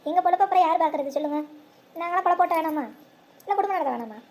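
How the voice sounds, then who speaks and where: A woman's voice: very high voice, very fast, a little mellow. A woman voicing a persuasive male street vegetable vendor, with sing-song hawking, for a cartoon. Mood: coaxing. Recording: faint background noise.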